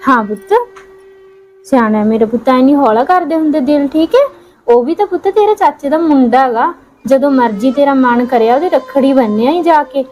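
A woman playing a caring mother who gently coaxes and consoles her daughter in an amateur short film, repeating endearments. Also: sits high, brisk, natural voice. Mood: soothing. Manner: soothing, coaxing, repeats endearments. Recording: dull lo-fi sound, faint music.

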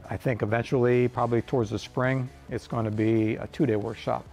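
A man's voice: medium pitch, steady tone, a little fast, darkish tone, faint music behind. A man in his fifties who owns a hot rod shop, explaining welding in a plain-spoken, rambling way from a large fabrication shop.

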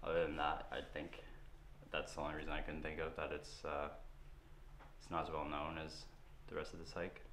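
A young man from Canada, vlogging with relaxed, rambling talk in a small wooden cabin and narrating over footage. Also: very deep voice, normal speed, long pauses, slight background noise. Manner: relaxed, rambling, thinking aloud. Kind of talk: casual vlog talk and scripted voice-over narration.

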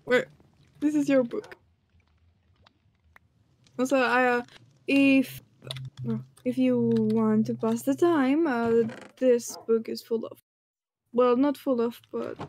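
A woman chatting casually over a game with playful role-play, halting and repeating her words. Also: a little high, fairly even intonation, a little mellow, a little hiss or hum.

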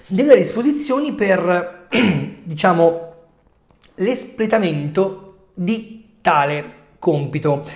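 A man in his forties with a coughy, subdued voice, often clearing his throat, giving casual explanatory commentary straight to his viewers. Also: high-pitched, darkish tone. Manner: conversational, addressing viewers directly. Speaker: football video host. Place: small home room, indoors. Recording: echoey room.

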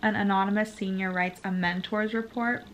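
A woman in her early twenties chatting casually to camera in a bubbly, excitable sorority-girl manner, often dropping in "like" as filler. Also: medium pitch, normal speed, slight background noise. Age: early 20s. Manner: frequent filler "like". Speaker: college vlogger. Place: parked car and small bedroom. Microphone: camera at about arm's length.

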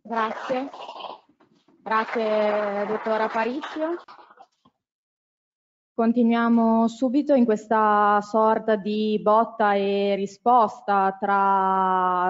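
A woman's voice: mid-range voice, steady tone, extremely slow. A woman in her thirties formally moderating a conference and introducing speakers. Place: conference hall stage. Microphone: headset microphone. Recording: dull, muffled conference-hall sound.

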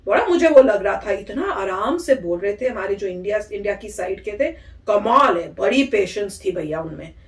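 A woman vlogger giving casual, animated reaction commentary and imitating the people she is reacting to. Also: mid-range voice, moderate pace. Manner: animated, mimics the soldiers' lines. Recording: echoey room.

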